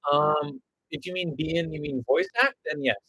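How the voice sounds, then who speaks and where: A man's voice: on the high side, normal speed, bright, forceful tone, breathy edge, no room sound, low-quality recording. A man chatting loosely and jokingly with his viewers as a stop-motion creator on a casual livestream.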